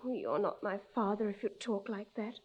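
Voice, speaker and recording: A woman's voice: medium pitch, moderate pace, muffled recording, lightly acted. An actress playing a frightened young daughter pleading with her father in a 1950s radio drama, speaking earnestly. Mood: anxious. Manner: earnest, pleading girlish delivery.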